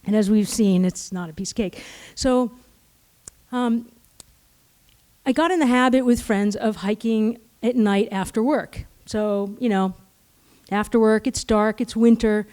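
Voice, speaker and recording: Middle-aged woman storyteller, higher voice, animated and self-mocking live delivery. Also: unhurried, pauses often. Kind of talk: personal story told live on stage.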